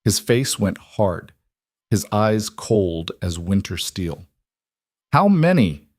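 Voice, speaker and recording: A man narrating a scripted audiobook story in a measured, even way on a close mic. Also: sits low, breathy edge, dry recording.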